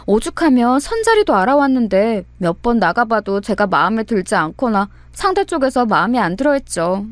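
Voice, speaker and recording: A woman telling her own story in a radio-story style, chatty and confiding. Her pitch sits a bit high and moves lively. The sound is close and dry. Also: fairly quick, no room sound. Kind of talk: radio story narration with acted dialogue.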